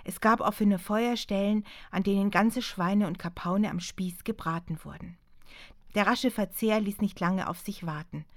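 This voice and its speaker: A woman, the author, reading her historical novel aloud in a calm, measured way. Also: mid-range voice, no echo, clean studio sound. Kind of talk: audiobook narration.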